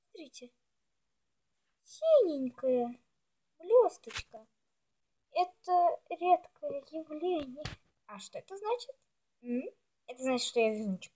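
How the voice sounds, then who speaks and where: A woman vlogger with a high-sitting, darkish voice chews gum while rambling casually to herself and her viewers. She's doing a chatty show-and-tell of her nail polishes.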